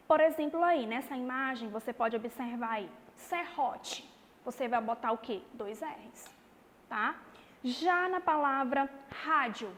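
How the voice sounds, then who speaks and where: A woman teaching a class of young schoolchildren, explaining patiently and slowly, often checking in with the listener. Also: high voice. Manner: patient, slow and explanatory, with frequent "tá bom?" check-ins. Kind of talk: recorded remote class lesson. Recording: long reverb, faint background noise.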